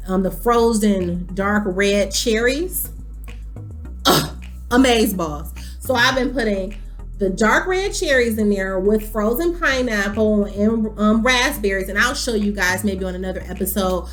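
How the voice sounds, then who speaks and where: A woman in her thirties chatting casually to camera as a vlogger, animated and full of ums. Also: medium pitch. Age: 30s.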